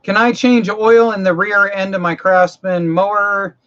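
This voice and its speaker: His voice sits high and comes across pushed and bright, with a flat delivery and measured pace. Hosting a casual livestream from Maine, he practically and folksily answers mower-repair questions, rambling, repeating, and restarting phrases as fatigue creeps in, all in dull lo-fi audio.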